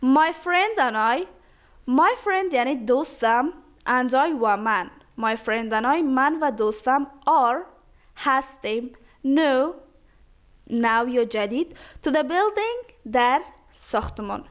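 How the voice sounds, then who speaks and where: A woman teaching English phrases, saying each example slowly and carefully and then explaining it quickly. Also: high voice, animated.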